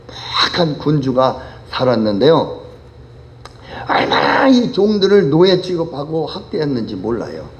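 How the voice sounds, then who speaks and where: Male pastor, high voice, very animated delivery, sermon storytelling. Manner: animated storytelling with vivid voice changes.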